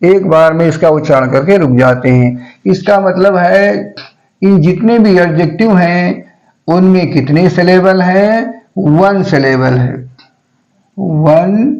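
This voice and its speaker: A male teacher giving a grammar lesson, saying each word slowly and repeating it several times so students can follow. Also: high-pitched, gravelly, darkish tone, highs cut off.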